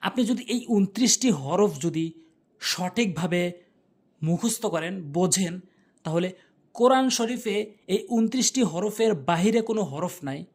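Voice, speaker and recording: Patient pronunciation instructor; demonstrates each sound with repeated drills, plain step-by-step delivery. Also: medium pitch. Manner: explains step by step in simple terms. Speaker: Quran recitation teacher. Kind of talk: pronunciation lesson.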